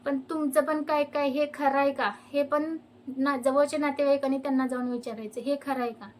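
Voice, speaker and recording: Young woman, high voice, fed-up vlog rant. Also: steady tone, moderate pace, slight background noise. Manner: fed-up ranting. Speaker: vlogger. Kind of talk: complaining to camera.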